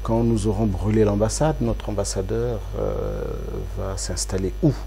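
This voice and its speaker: A Congolese opposition politician gives an interview, driving his points home emphatically and repeating phrases for rhetorical effect. His voice is fairly low and mellow with vocal fry, delivered at a moderate pace over slight background noise.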